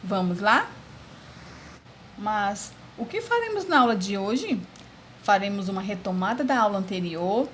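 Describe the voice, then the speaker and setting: A woman teacher with a Brazilian Portuguese accent gives a video lesson to children, speaking slowly and spelling out syllables one by one. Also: medium pitch, big pitch swings, slight background noise. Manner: slow, deliberate, spells out syllables; religious blessing, addresses class warmly as "turminha".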